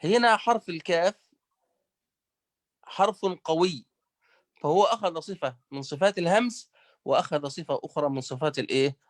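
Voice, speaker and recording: A man's voice: a little high, moderate pace, long pauses, no room sound. Man drilling letter sounds. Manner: leaves words unfinished for listeners to fill in, drills letter sounds repeatedly. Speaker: Quran recitation teacher. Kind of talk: online tajweed lesson.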